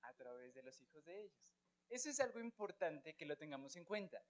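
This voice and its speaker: A man with a Colombian Spanish accent leads a Bible class, his voice pitched high for a man. He keeps asking his students questions and checks that they are following along. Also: very animated, brisk. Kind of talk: church Bible class teaching.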